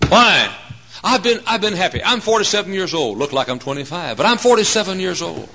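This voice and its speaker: A male preacher in his forties delivers a joking, folksy sermon in church at a brisk pace. His voice is a bit high and bright with animated pitch swings, moving between quiet asides and loud, emphatic statements.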